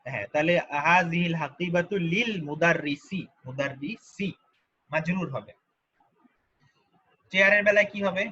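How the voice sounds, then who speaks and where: Bright husky-voiced man teaching Arabic grammar. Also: on the high side, lo-fi sound. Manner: patient, repeats each Arabic form slowly, asks learners questions. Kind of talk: online grammar lesson explained in Bengali.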